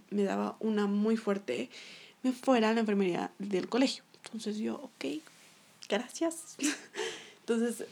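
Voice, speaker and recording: A woman's voice: mid-range voice, gravelly, darkish tone. A young woman telling a personal story to her viewers in a casual, chatty way, laughing often. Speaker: vlogger.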